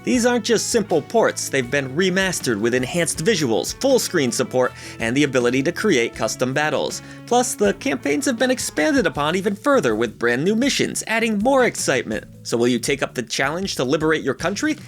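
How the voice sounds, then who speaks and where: Lively upbeat male game-news host. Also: fairly high pitch, a little fast, few pauses. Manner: upbeat and jokey, with playful asides. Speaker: gaming channel host. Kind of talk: scripted game-release roundup narration. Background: background music.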